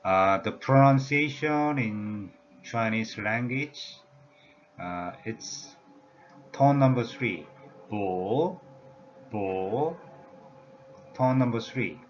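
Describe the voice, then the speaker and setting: A male language teacher with a mid-range voice gives a slow explanatory lecture, halting often and filling gaps with "uh" and "yeah." The recording is dull and lo-fi, with faint room noise.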